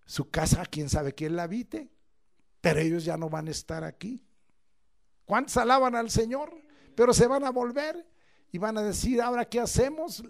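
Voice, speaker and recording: A man preaching a church sermon, emphatic, swinging between loud declamation and low asides and drawing out key words. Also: normal speed, vocal fry, long pauses. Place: church service.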